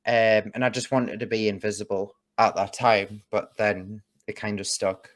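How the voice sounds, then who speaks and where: Lower-voiced man explaining at length. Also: flat delivery, normal speed. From United Kingdom. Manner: explanatory, thinks aloud with restarts. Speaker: guest. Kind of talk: casual conversation.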